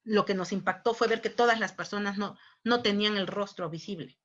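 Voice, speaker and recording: A woman's voice: medium pitch, brisk, a bit bright. A woman with a Mexican accent giving a conference talk in a conversational way. She often ends remarks with rhetorical questions and acts out other people's voices. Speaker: conference speaker on human rights. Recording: muffled lo-fi recording.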